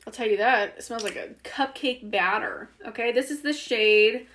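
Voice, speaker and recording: A woman's voice: on the high side, normal speed, fairly bright tone, a little hiss or hum. A woman giving a casual, chatty lipstick review, with fillers and restarts, her voice a bit worn. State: losing her voice. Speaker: beauty vlogger.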